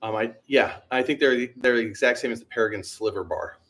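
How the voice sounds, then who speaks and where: A relaxed man talks on a livestream from his bike shop workshop, easygoing and slangy. He rambles through fillers and half-finished thoughts as he answers viewers, his pitch sitting in an ordinary middle range. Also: fairly quick. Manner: laid-back, rambling, slangy with many fillers. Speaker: BMX shop owner hosting a livestream.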